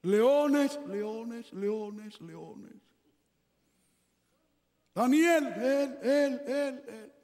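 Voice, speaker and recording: An anguished ancient king, as a male preacher acts him out in a sermon, pleading in a high voice. He draws every word out slowly and solemnly. The sound rings with the long reverb of a hall. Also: a little mellow. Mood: calling out. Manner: slow, emphatic and solemn.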